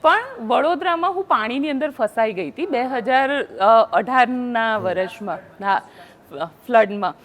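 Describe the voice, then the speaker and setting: A woman journalist recounting field-reporting stories in a casual panel chat, animated and acting out quotes. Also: on the high side, unhurried. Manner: animated storyteller, acts out quotes.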